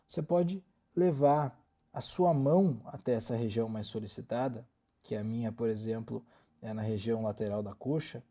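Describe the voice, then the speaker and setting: Guiding a yoga relaxation, this Brazilian-accented instructor speaks with a mid-range voice. He keeps things calm and soothing while giving gentle directions.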